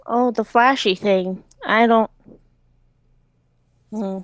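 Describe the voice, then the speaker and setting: A woman of average pitch narrates her character in a tabletop game. She talks casually and very slowly, halting and restarting, on a dry, close recording. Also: fairly even intonation, clear, resonant tone, no echo. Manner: hesitant, halting. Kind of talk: casual role-play narration.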